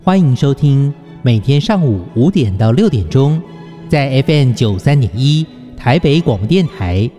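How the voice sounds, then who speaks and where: A man reads a station promo on the radio, slow and drawn out. His voice is mellow and lively in pitch. It sounds distant and echoey, with music under it, like an old broadcast. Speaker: station announcer.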